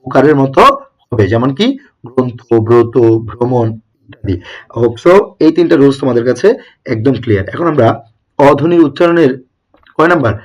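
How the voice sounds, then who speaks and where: A man's voice: medium pitch, brisk, pauses often, lo-fi sound. A young man teaching an exam-prep lesson, who keeps posing rhetorical questions and answering them himself.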